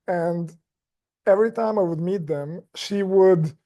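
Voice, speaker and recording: Male podcast guest, mellow tone, slow and measured, casual. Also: high voice. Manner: measured and slow, with frequent restarts and "like" fillers. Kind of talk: casual chat.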